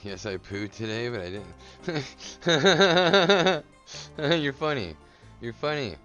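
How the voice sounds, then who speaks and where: A man's voice: fairly low pitch, expressive, normal speed, a bit bright, highs cut off, faint music behind. A man streaming a game live, joking crudely with chat and muttering repeated phrases to himself.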